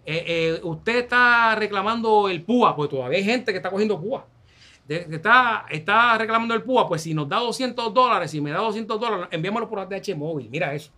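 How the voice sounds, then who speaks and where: Puerto rican man, high-pitched voice, bright tone, animated storyteller, casual talk show chat. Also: fast. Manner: animated storyteller, laughs often. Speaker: co-host.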